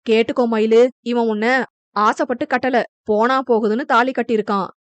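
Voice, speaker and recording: A woman's voice: fairly high pitch, steady tone, normal speed, dry recording, natural voice. A woman voicing a sarcastic older son-in-law who taunts his rival. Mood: taunting.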